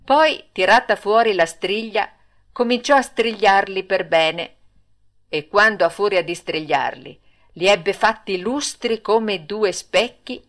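A woman's voice: medium pitch, slow pace, fairly bright tone. A woman reads a children's classic aloud in a mid-range voice. She tells it expressively, leaning into the drama of each turn. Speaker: audiobook narrator. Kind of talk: storybook reading.

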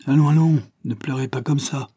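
A man's voice: medium pitch, fairly even intonation, normal speed, mellow, breathy edge, no room sound, clean studio sound, pitched above the performer's own voice, lightly acted. A man voicing a plump, scheming German businessman who talks brusquely and impatiently in an audiobook. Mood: sly.

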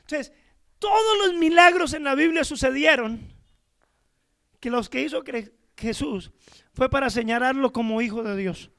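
A man preaches with fervor, firing rhetorical questions at his congregation and calling each one brother. His voice sits unusually high and carries a gravelly edge. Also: measured pace, fairly bright tone. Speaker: pastor. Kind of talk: sermon.

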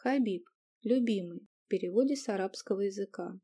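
A woman reading a fantasy story aloud as a calm, measured audiobook narrator. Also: medium pitch. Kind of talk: scripted narration.

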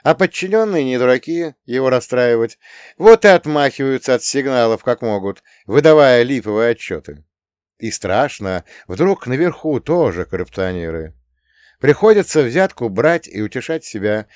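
A man voicing a cocky young auditor who speaks in a brash, animated way. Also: medium pitch, moderate pace, no room sound, studio quality, lightly acted. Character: cocky, confident male auditor hero, young adult.

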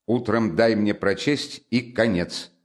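A man's voice: fairly low pitch, takes it slowly. A man voicing a feverish, irritable young man in a spoken storybook, strained and insistent.

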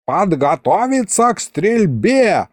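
Man doing a gruff, wary old-time prince. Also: on the high side, big pitch swings, slow, darkish tone, no room sound, clean studio sound, voice pushed up, exaggerated voice.

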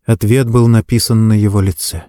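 Dark-voiced male audiobook narrator. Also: on the low side, fairly even intonation, fairly quick, dry recording, studio quality.

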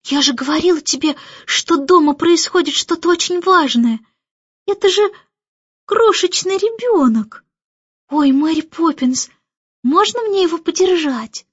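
A woman voicing an eager, excited young girl who speaks with breathless enthusiasm, in an audiobook. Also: high voice, normal speed, slightly rough, no room sound, muffled recording.

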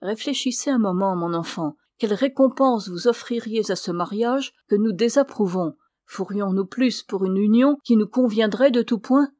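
A woman reading aloud voices a cool, controlling elderly mother in an audiobook. She speaks in a calm, measured, quietly persuasive way, at a middle pitch. The recording is close and dry. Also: no echo, natural voice. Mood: coolly persuasive.

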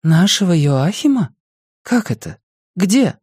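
A man putting on a shrill, fretting mother. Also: sing-song, a little mellow, slightly rough, no room sound, studio quality, exaggerated voice. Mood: alarmed. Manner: shrill, emotional, quick to exclaim. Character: worried, scolding middle-aged mother. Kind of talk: audiobook character voice.

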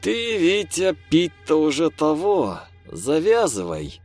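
A man reading a story, voicing a sober, stern older village man who speaks in a measured, grumbling way. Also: on the low side, very animated, faint music behind. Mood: reproving.

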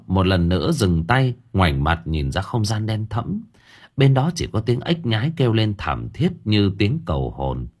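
A man narrating an audiobook story with dramatic, expressive delivery. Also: lowish voice, husky.

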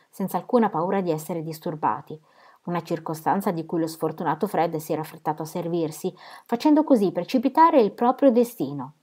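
A woman reading a novel aloud in a measured, expressive audiobook style. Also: lowish voice. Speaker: reader.

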